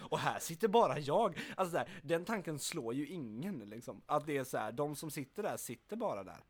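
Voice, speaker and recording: A man's voice: a little high, very animated, breathy edge. Young male podcast host, loose rambling delivery, playful, filler-heavy. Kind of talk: casual chat.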